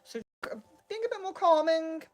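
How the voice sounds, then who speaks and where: A woman hosting a casual live card reading, speaking in a gently reassuring, meandering and hesitant way. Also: extremely high pitch, normal speed. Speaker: tarot and oracle card reader, live host.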